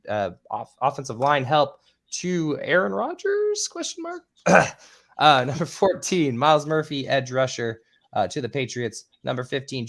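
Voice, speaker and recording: Man, podcast host, casual, ums and swearing, slightly squeaky voice. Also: fairly bright tone. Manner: rattles off picks with filler ums. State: voice a bit squeaky.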